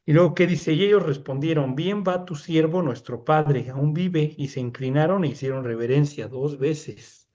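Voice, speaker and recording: With a Mexican Spanish accent, a man leads a Bible study, reading scripture aloud and then explaining it conversationally while often checking in with "¿no?". His voice is a little high and dark-toned, with the highs cut off, and he speaks at normal speed with hardly any pauses.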